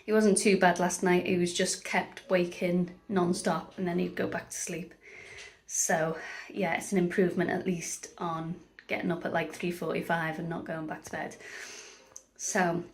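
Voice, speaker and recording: Tired, chatty mum vlogger. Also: female voice, fairly low pitch, flat delivery, moderate pace. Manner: chatty and rambling, with frequent ums. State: tired and run down. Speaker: vlogger, stay-at-home mum. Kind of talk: casual vlog chat.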